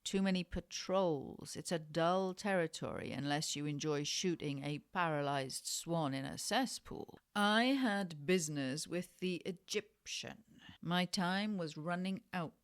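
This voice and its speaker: A woman giving an experimental literary reading, slow and deliberate with hypnotic repetitions. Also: on the low side, clear, resonant tone. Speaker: reader. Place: indoors in Tangier.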